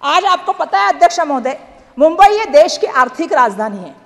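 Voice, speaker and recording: A woman delivers an emphatic parliamentary speech in a high voice, returning again and again to address the chair. Her words ring out in a large chamber with a long, echoey reverb. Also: very animated, moderate pace. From Maharashtra. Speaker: member of parliament.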